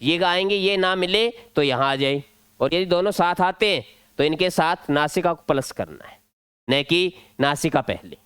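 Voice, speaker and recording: A man's voice: fairly high pitch, animated, moderate pace, a bit bright, smooth, dry recording. A male teacher with a Rajasthani Hindi accent, explaining an exam-prep grammar lesson step by step at a board. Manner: step-by-step explaining, drilling points.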